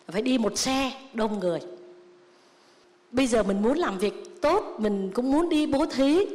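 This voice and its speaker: A Buddhist nun giving a sermon, telling stories and acting out the lines of the people in them. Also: female voice, fairly high pitch. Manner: storytelling with lively quoted dialogue. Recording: long reverb of a hall.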